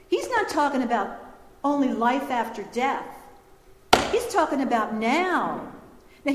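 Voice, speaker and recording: A woman gives a retreat talk in a large, echoing hall, her voice swinging high and low as she tells stories with humor. Her pitch sits a little high, and the long reverb of the room trails behind every phrase. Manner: lively storytelling with humor and laughs. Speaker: retreat speaker.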